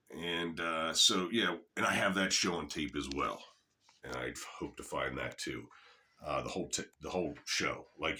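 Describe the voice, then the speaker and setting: A man's voice: a bass voice, pushed and bright, slight background noise. A middle-aged man telling a rambling, casual story to camera, swearing freely. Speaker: channel host.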